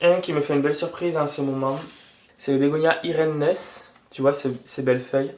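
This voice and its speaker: A man's voice: on the high side, fairly even intonation, fairly quick, a little mellow. A young man chatting casually indoors at home about his houseplants, swearing and grumbling, hot and sweaty. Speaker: plant vlogger. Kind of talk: casual chat.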